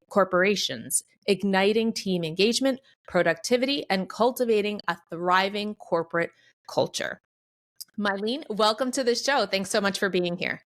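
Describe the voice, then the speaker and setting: A woman hosting a podcast interview, upbeat, reading scripted introductions and asking questions. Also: medium pitch. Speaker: podcast host.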